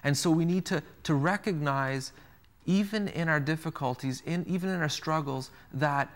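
Earnest priest with a slightly high voice. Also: male voice, moderate pace. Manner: earnest, storytelling with acted quotes. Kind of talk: televised sermon.

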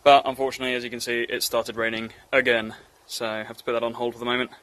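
A man's voice: medium pitch, level tone, quick pace, fairly bright tone. Chatty Northern Irish man. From Northern Ireland. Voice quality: chatty, self-deprecating, with frequent ums and uhs. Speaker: hobby blacksmith. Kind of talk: casual workshop build narration.

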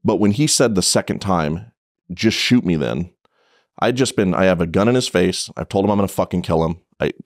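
A police officer on a podcast, speaking in a very deep voice. The sound is dry and close, with no room around it. He tells his story bluntly, full of profanity and restarts. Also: brisk, no echo.

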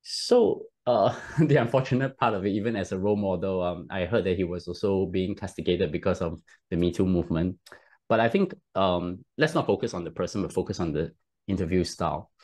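His low, slightly mellow voice moves a little fast. He's a Singaporean-accented man in his thirties guesting on a podcast over a headset video call from home, giving long casual-interview explanations. He often restarts and throws in "right?".

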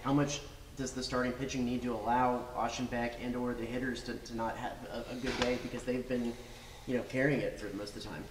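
Reporter guy talking fast and flat, lots of restarts, echoey room w/ crowd noise. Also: medium pitch. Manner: fast, halting questions with restarts. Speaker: sports reporter. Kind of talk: press conference questions.

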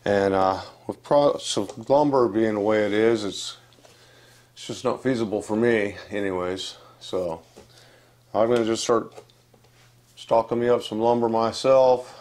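A man's voice: lowish voice, fairly even intonation, unhurried, a little mellow. An older man from West Virginia, giving a casual, rambling update to camera from a room indoors on a lapel mic. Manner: plain-spoken, rambling, many fillers and restarts. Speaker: channel host. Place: indoor room with wooden furniture.

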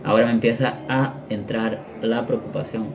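A man tells his story straight to camera in a loose, slang-heavy way. He mixes in bits of English and often backs up to restart a thought. His voice sits at an ordinary middle pitch for a man. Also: steady tone, faint music behind. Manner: slangy, drops English phrases, halting restarts. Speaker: vlogger telling prison stories. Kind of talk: casual storytelling.

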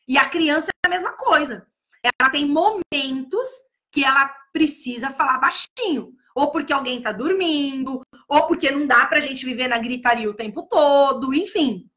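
A woman giving casual advice to teachers, talking loudly and emphatically, repeating key words. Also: sits high. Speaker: early-childhood educator.

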